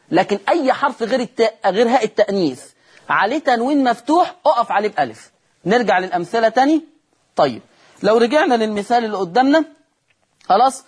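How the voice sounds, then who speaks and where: A man's voice: high-pitched, husky. A man with an Egyptian accent teaching Quran recitation rules on a TV lesson, repeating key terms and answering his own questions. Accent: Egyptian Arabic.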